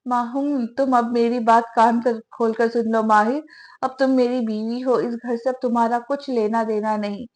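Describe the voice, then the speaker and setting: A bitter, humiliated young husband from a romance novel audiobook, as a woman reads him. He complains with hurt indignation, and the voice sits high. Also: steady tone, darkish tone, lightly acted. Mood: bitter anger.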